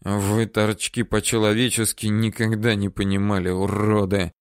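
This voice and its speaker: A man voicing a hard, threatening male interrogator for an audiobook, talking curtly, slowly and low. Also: flat delivery, clear, resonant tone, dry recording, studio quality, natural voice. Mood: cold. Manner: curt, threatening, slow and low. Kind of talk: audiobook character voice.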